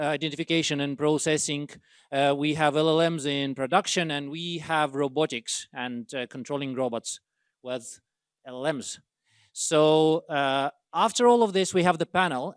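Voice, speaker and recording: A man as seminar host giving opening remarks in a university room, earnest and halting with frequent pauses. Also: a little high, clean tone, no echo, clean studio sound. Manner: hesitant, many uh fillers, earnest. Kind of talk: opening remarks introducing speakers.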